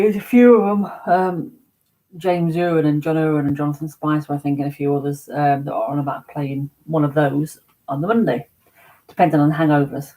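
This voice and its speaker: Broadcasting a relaxed morning livestream from her home, a woman rambles chattily about her week and responds to viewers by reading their comments aloud. Her voice is low and warm, but the audio is poor.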